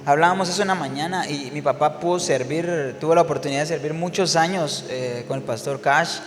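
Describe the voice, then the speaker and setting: This man from Guatemala is a worship singer sharing his story in a relaxed interview, speaking reflectively with plenty of fillers and restarts. His voice is a little high and his pace brisk, and a long reverb tail follows his words.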